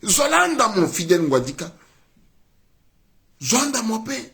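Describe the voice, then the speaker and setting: High-voiced man commenting. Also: sing-song, a little slow, gravelly. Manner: exclamatory, mixes French and Sango, swings between loud outbursts and low muttering. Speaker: political commentator. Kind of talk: political commentary monologue.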